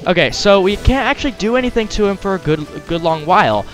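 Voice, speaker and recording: A man gives casual let's-play commentary in a somewhat high voice. He is jokey and playful as he guides viewers, with game music faintly behind him. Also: animated, quick pace, a bit bright. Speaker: gaming video host.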